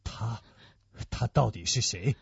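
A man doing a grim, hushed musketeer. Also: takes it slowly, gravelly, slightly rough, no room sound, exaggerated voice. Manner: low, hushed, heavy delivery. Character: grave older male musketeer, grim and brooding. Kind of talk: Chinese radio-play acting. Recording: dull lo-fi dry recording.

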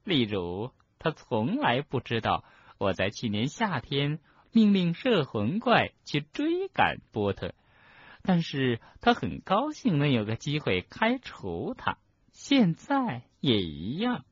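A man voicing a cruel middle-aged witch official in an audiobook, speaking slowly, softly and with menace in a husky voice. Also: medium pitch, huge pitch swings, no echo, lo-fi sound, pitched above the performer's own voice, heavily acted. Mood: gloating. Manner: slow, soft and menacing. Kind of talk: audiobook character reading.

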